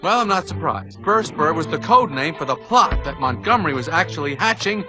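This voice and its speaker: A man voicing an eager young male bee, a talk show guest who talks quickly and defensively in a video game cutscene. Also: on the high side, lively intonation, natural voice. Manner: quick, defensive and self-aware. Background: music.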